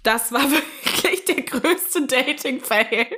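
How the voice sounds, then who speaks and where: Young woman host, animated storyteller, slightly high voice. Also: slow pace. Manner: animated storytelling, frequent fillers. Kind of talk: casual chat.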